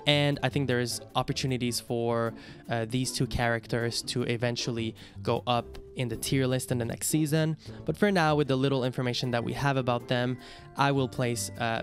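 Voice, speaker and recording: A YouTube host from Quebec, Canada, whose first language is French, speaks English with a Québécois French accent in a mid-range voice. He gives casual ranking commentary, talking hesitantly with many fillers.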